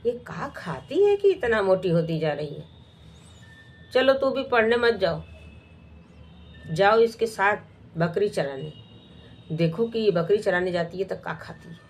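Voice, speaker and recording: A woman's voice: medium pitch, sing-song, a little slow, long pauses, slightly rough, full character voice. A woman voicing a harsh, scheming stepmother, speaking in a scolding, suspicious way.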